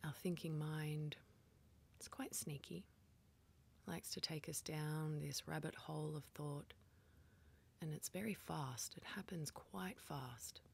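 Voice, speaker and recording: A woman gently directs a guided meditation, her low voice whispery and breathy, speaking calmly and letting pauses settle between instructions.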